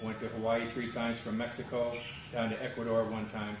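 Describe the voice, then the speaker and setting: An older man who organizes cruising services answers interview questions on an open-air tropical veranda, sounding easygoing and matter-of-fact. His mid-range voice is monotone and a little fast, and the recording is echoey, distant, and noisy.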